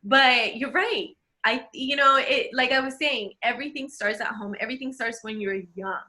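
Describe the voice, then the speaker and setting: A woman from El Salvador talking casually with a friend on a podcast, animated and laughing often. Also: a little high, moderate pace. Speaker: podcast co-host. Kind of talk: casual conversation.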